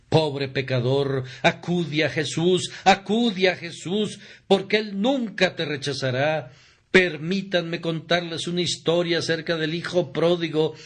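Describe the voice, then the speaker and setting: A man reading a sermon aloud as a Spanish voice-over in an earnest, deliberate preaching manner. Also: fairly high pitch, fairly bright tone.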